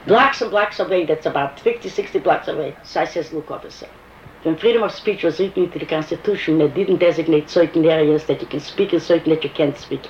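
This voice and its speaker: Speaking fast in a low voice, an older, foreign-accented woman looks back on her activism for an oral history interview. She's a lively storyteller who quotes the dialogue as she acts it out, and the sound is muffled, with room echo and a light hiss.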